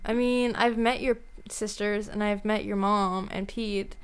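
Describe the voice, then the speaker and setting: A woman's voice: mid-range voice, steady tone, measured pace, noisy background. A young woman co-hosting a podcast, chatting casually and filling her talk with "like" and "you know". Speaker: podcast co-host. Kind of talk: casual chat.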